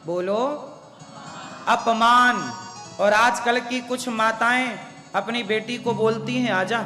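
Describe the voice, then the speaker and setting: A man's voice: very high-pitched, fairly even intonation, slow, bright, forceful tone, soft background music. A man preaching a devotional sermon, emphatic and questioning the audience. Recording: echoey hall with long reverb.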